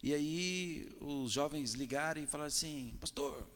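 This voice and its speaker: A man's voice: a little high, moderate pace. Brazilian pastor man telling family stories. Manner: lively storytelling, acts out dialogue. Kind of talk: sermon with personal stories. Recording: church hall reverb.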